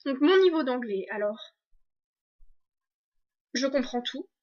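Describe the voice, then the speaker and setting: A woman's voice: high voice, expressive, slow pace, a little mellow, lo-fi sound. A young woman from France talking casually in a video diary, chatty with many restarts and fillers. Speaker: exchange student vlogger.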